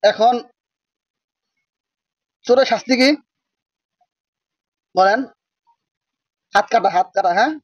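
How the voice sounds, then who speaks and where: A man teaches a religious-school class. He keeps asking the students short questions, repeats their answers back, and slows down to dictate. The recording is dry and somewhat muffled. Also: sits high, dry recording. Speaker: madrasa teacher. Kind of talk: classroom lecture with call-and-response questions.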